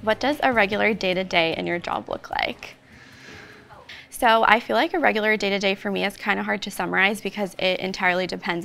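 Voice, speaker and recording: A woman's voice: mid-range voice, gravelly, a bit bright, slight background noise. A woman in her twenties, a pediatric ICU travel nurse, chatting in a panel and explaining her work in detail. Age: 20s. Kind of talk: casual panel chat. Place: indoor cafe.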